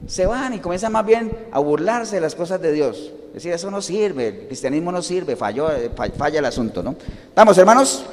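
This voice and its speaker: A male pastor with a fairly high voice, preaching to his congregation. He keeps asking questions and answering them himself, and now and then acts out the voices of people in his stories. The sound carries a long echo, as in a large hall. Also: a little mellow. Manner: acts out quoted voices within the teaching. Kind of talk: sermon.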